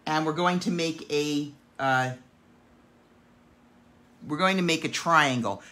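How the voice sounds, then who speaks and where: A man with a gravelly voice, chatting and counting aloud as he demonstrates a painting craft. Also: a little high, sharp tone. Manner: chatty, counts dots aloud while working. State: gravelly voice today. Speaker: craft instructor.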